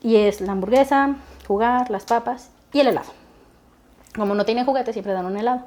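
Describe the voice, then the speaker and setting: A woman, a guest telling stories about her son in a casual conversation, acting out the dialogue as she goes. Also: a little high. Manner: fast animated storytelling, acting out dialogue.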